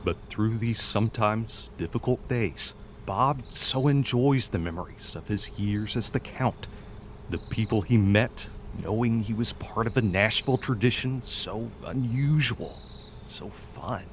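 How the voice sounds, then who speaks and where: A man narrating a scripted TV news feature as a reporter, with playful dramatic storytelling and deliberate pauses. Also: on the low side, slight background noise.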